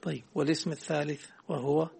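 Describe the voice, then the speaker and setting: Sheikh teaching class, gravelly husky voice, stops to quiz the student. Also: male voice, fairly high pitch, little pitch movement, quick pace, darkish tone. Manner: quizzes the student, corrects readings, explains patiently. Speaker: teacher of hadith sciences. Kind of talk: classroom text commentary.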